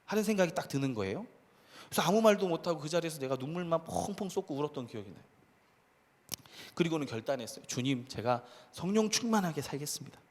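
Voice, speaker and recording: Animated pastor preaching in a reverberant hall. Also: male voice, a little high, fast talker, pauses often. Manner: animated, conversational preaching with acted quotes and laughs. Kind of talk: sermon to a youth congregation. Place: church hall.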